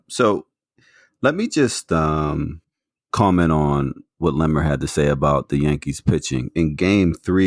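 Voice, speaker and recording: A man's voice: very deep voice, dry recording, studio quality. A man co-hosting a sports podcast, making his case with stats and lots of fillers. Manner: argues a point with stats, many fillers. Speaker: podcast co-host. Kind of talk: casual sports talk.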